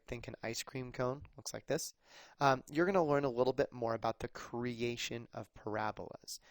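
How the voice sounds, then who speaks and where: A man's voice: medium pitch, no echo. A man teaching a math lesson, explaining patiently in a conversational way with some fillers. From United States. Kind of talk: recorded classroom lesson.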